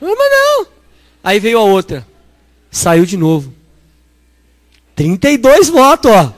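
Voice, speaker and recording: A Brazilian preacher, a middle-aged man, swings his high voice up and down as he acts out story dialogue for the congregation. The sound is close and dry. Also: slow, no room sound. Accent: Brazilian Portuguese. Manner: animated, acts out dialogue, addresses congregation as brothers. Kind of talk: lively sermon with storytelling.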